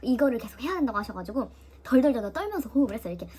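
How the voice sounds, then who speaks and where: A woman's voice: fairly high pitch, racing. A young woman vlogger casually retelling a personal experience, often imitating the voices of others. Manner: lively, mimics voices of nurses and her sister while retelling. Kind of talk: casual storytelling vlog.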